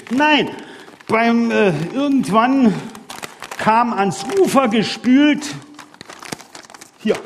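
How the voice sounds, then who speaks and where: Man, chatty stage storyteller, high and lively voice, echoing hall. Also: a little hiss or hum. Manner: playful, chatty storyteller, chuckles often. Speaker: speaker at a live event. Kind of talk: anecdotal stage talk with props.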